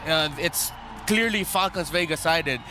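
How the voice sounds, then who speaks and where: A man's voice: a little high, measured pace, noisy background. A man giving live commentary as an esports caster.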